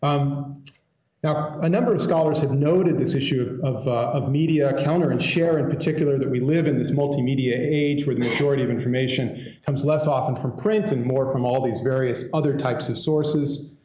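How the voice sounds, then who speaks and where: In a dark, mid-range voice, a male academic gives a brisk keynote lecture to a conference audience. He is conversational and digressive with wry asides, and the indoor lecture hall's echo leaves the recording dull and muffled.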